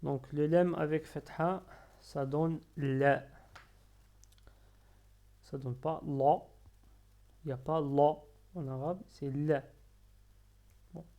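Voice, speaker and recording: A male teacher takes his time, pausing between each syllable and repeating them so learners can follow along. His voice is on the higher side for a man, but it sounds mellow and has a gravelly fry. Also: fairly even intonation. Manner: patient, drills syllables slowly and repeats them. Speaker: Arabic reading teacher. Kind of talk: slow step-by-step lesson.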